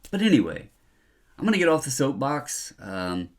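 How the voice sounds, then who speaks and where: A man's voice: mid-range voice, sing-song, normal speed. A middle-aged man hosting a hobby video, talking in a casual, opinionated monologue with an earnest, emphatic, colloquial manner.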